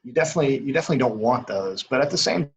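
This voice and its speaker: A young man in a casual interview as an umpire, talking in a rambling, halting way full of filler phrases. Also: mid-range voice, lively intonation. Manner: rambling, halting, frequent "you know". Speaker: baseball umpire as interview guest. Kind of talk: casual chat.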